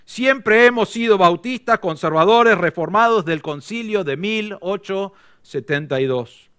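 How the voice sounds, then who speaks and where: A man's voice: high voice, lively intonation, unhurried, fairly bright tone, clear, resonant tone. A man doing a weary man on a bridge. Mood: resigned. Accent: Argentine Spanish.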